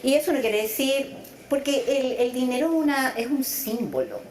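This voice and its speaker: As the interview guest, a middle-aged woman psychologist born in Chile and raised in Venezuela speaks thoughtfully and lengthens words for emphasis. She is high-pitched and very animated at a moderate pace, slightly mellow. The audio is reverberant with a little hiss or hum.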